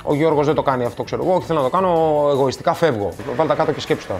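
A man from Greece, a tattoo artist, telling stories in a casual interview and acting out the dialogue. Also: soft background music. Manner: animated, acts out dialogue, rises in pitch when quoting.

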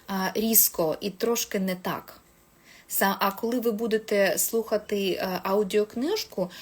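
A woman English teacher giving casual advice on speaking a foreign language, chatty, with many hesitations and self-corrections. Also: mid-range voice.

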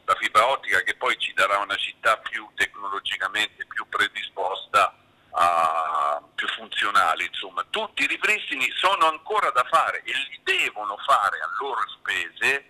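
A middle-aged male councillor comes through a speakerphone on a live phone-in, his low voice sharp and piercing. He explains things patiently but insistently and hammers his key points home by saying them twice. The phone line keeps him a little distant. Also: big pitch swings, normal speed. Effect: on speakerphone over a phone line. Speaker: city councillor for public works.

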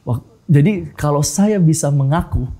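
A man in his thirties from Makassar, Indonesia, shares his personal testimony as a guest, speaking casually, often calling the host "bro" and slipping in English phrases. His voice is fairly high, expressive and dark-toned, and he talks a little slowly.

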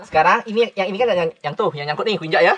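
A man's voice: sits high, racing, fairly bright tone, a little hiss or hum. A man, narrating a casual outdoor travel vlog, chatty and playful, calling everyone "boy". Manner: chatty, says "boy" constantly, playful joking. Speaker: travel vlogger. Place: outdoors in the forest by a river.

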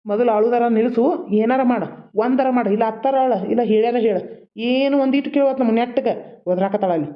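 A woman's voice: a little high, fast, muffled recording, voice pushed down, natural voice. A woman doing a blunt young village brother. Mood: impatient.

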